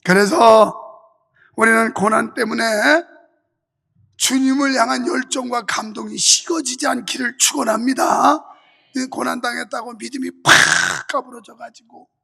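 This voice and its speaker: A male pastor preaching a fervent sermon with a strained voice and rhythmic, shouted refrains, in a church sanctuary. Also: extremely high pitch, gravelly, slightly rough. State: voice strained from heavy use. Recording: reverberant church hall.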